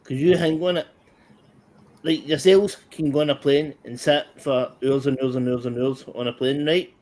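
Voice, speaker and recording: A man with a Scottish accent chats as a guest in an easy group conversation. His voice sits at an ordinary middle pitch. He is blunt and halting, breaking off mid-thought and starting over. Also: fairly even intonation, a little mellow. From Scotland. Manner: blunt, halting, trails off and restarts. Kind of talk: casual group chat.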